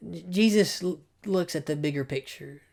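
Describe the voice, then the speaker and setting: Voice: medium pitch, moderate pace, gravelly, a little mellow. A Bible study teacher talking casually and thinking aloud, often stopping and repeating words.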